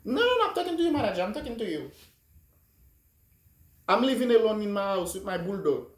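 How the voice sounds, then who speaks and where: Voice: medium pitch, sing-song, fairly quick, close to an everyday voice. A person playing a frantic Haitian parent in a comedy skit, with a Haitian accent and a theatrical, repetitive way of talking. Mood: insistent. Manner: theatrical, repetitive, code-switching. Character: frantic Haitian parent phoning a manager to skip work. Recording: echoey room.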